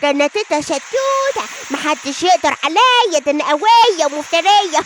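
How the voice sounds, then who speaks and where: A woman's voice: very high voice, lively intonation, a little fast, a bit bright, a little hiss or hum. A woman voicing a scheming, boastful grandmother lion in an Egyptian Arabic accent, cackling and threatening. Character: scheming grandma lion Sattouta, loud and mean.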